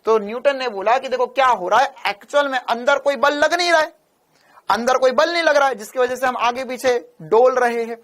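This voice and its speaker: A man's voice: very high-pitched, a little fast, fairly bright tone. A man teaching physics in a casual classroom lecture, telling playful stories, repeating key terms and quizzing his listeners. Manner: playful storytelling.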